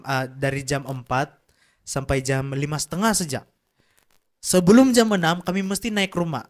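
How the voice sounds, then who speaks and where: A man, telling a childhood story in a casual podcast chat and laughing often. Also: mid-range voice.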